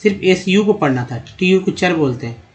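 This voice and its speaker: A man teaching English pronunciation over slides, drawing out and repeating sounds slowly so learners can copy them. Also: high voice, animated. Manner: drawn-out, repeating words slowly to show pronunciation. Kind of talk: slide-based phonics lesson.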